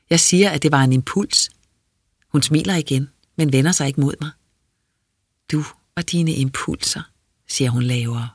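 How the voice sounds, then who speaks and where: An audiobook reader giving quiet, measured, introspective first-person narration. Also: mid-range voice, slightly rough, no room sound, clean studio sound.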